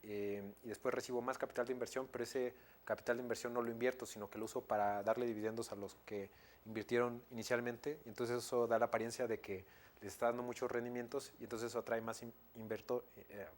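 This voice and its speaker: A man's voice: medium pitch, flat delivery, quick pace. A man in his thirties with a Mexican accent giving an academic lecture, hesitant, with many fillers, restarts and tag questions. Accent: Mexican Spanish.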